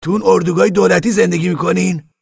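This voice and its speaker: A man's voice: sits high, fairly even intonation, gravelly, slightly rough, dry recording, studio quality, pitched above the performer's own voice, exaggerated voice. A man doing a restless eager young driver. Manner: quick, pushy, impatient.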